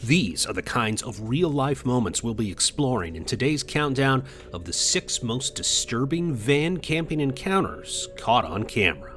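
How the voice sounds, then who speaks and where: A man reading scripted documentary narration in a measured, suspenseful tone. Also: mid-range voice, very animated, fairly bright tone, faint music behind.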